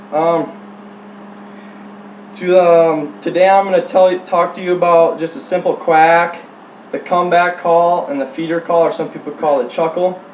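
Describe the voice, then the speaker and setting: A man giving an informal how-to demonstration as a hunting instructor, speaking in a halting, plain-spoken way. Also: fairly high pitch, darkish tone. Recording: roomy, distant mic, faint hum.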